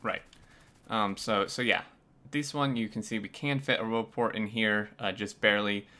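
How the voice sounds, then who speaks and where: A man's voice: on the low side, steady tone, normal speed, pushed and bright. A man hosting a casual video game review, talking with many filler sounds. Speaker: host. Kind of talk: casual gameplay review chat.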